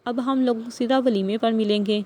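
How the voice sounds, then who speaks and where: A woman's voice: a little high, fairly even intonation, dark tone, lightly acted. A woman reading the lines of a domineering young husband in an audiobook novel, with a commanding, threatening tone. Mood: stern.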